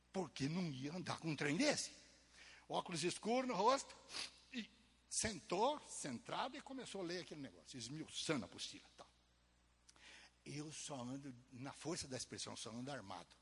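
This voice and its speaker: A man delivers a testimony sermon in a husky, fairly high voice. His storytelling is animated, dropping to soft asides and rising to loud emphasis, and a long reverb trails his words through the hall. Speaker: preacher.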